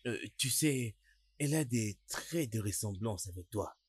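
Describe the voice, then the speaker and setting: A man dubbing a jovial, chatty friend in a French film dub, husky and laughing as he talks. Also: on the low side, lively intonation, measured pace, a little mellow.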